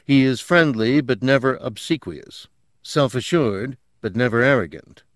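A man narrating an audiobook as the interviewer, in a measured, descriptive way. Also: mid-range voice, animated, dry recording, studio quality.

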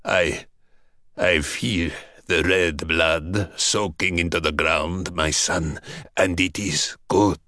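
A man voicing an ancient buried vampire, weary and sly, who talks in slow, sighing, coaxing phrases. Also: low-pitched, steady tone, sharp tone, dry recording, clean studio sound, voice pushed down, exaggerated voice. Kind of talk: audiobook character voice.

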